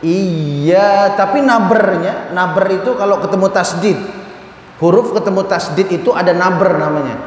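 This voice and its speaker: A man teaching a group of men to recite, chanting verses slowly and then correcting their pronunciation in quick, everyday speech. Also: high voice. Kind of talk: tajwid lesson to a group of men. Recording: echoey hall with faint room noise.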